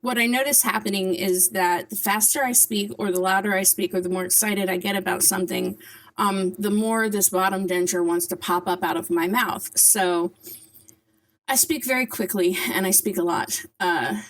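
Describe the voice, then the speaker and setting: A woman's voice: mid-range voice, normal speed, poor audio. A woman talking casually to camera in a vlog, articulating carefully around dentures, with a slight lisp and hard, whistling S sounds. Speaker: vlogger.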